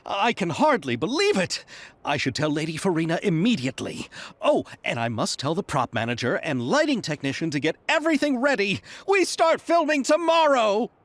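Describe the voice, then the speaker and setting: A gushing, eager film producer. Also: male voice, fairly high pitch, very animated, normal speed, no echo. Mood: overjoyed. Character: excitable young male film producer.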